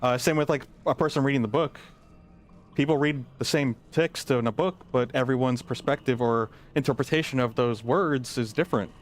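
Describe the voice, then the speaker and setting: A man's voice: mid-range voice, a little fast, hardly any pauses, faint music behind. Rambling man streaming a game. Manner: rambling, lots of "like" and "um" fillers. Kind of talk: casual gameplay chat.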